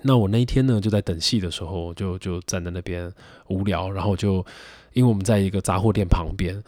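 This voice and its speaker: Young man, Taiwanese Mandarin accent, solo podcast host, reflective, rambling, low voice, dry close mic. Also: a little fast, darkish tone, no room sound. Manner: reflective, rambling, many fillers. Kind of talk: casual solo podcast talk.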